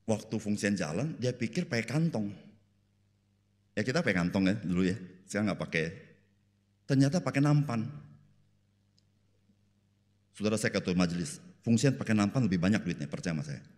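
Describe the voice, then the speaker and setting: Joking pastor in a reverberant church. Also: male voice, moderate pace, long pauses. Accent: Jakarta Indonesian slang. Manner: folksy storytelling, jokes, keeps saying "saudara"; jumps into high animated voices to act out people in the story. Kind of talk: sermon. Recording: church sanctuary with long reverb.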